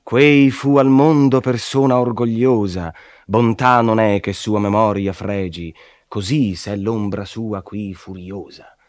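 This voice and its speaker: A man voicing a wise elder poet who guides a traveler, speaking in a measured, solemn and reassuring way, in a dramatic poetry reading. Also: on the low side, steady tone, a little mellow, dry recording.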